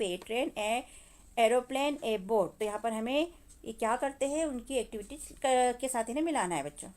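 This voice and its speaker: A woman teaching children from a workbook with a Hindi accent, reading English lines slowly and then explaining them, often calling out to the kids. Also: a little high, a little mellow.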